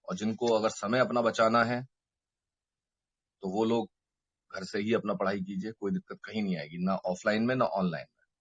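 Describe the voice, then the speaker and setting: A man's voice: on the low side, husky, lo-fi sound. A man teaching a math lecture online, working through each step and checking in with his students, mixing English terms into his talk. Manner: mixes Hindi and English terms. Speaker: mathematics teacher. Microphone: microphone.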